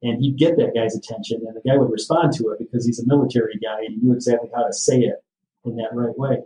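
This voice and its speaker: Relaxed man, far off in a roomy space. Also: medium pitch, fast talker. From Michigan. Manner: easygoing, matter-of-fact, with frequent "you know". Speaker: sheriff's office captain, guest. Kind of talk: casual podcast interview. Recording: roomy, distant from the mic.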